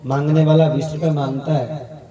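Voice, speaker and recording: A man's voice: a little high, level tone, moderate pace, warm tone, highs cut off. A man preaching a Hindi katha, telling stories and acting out their dialogue in a storytelling manner. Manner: storytelling preacher, acts out dialogue, chuckles to the crowd. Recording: echoey hall, distant mic, faint ambience.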